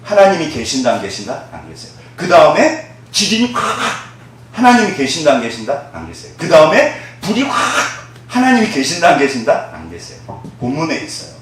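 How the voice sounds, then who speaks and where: A man's voice: on the high side, brisk. A male pastor preaches with a voice that climbs and drops all the time, tossing questions back at the listeners. The sound is very roomy, as if caught from some distance away in a large church. A faint hum sits under it. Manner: lively, conversational preaching with call-and-response questions; acts out quoted voices, dropping to a soft hush. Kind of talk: sermon.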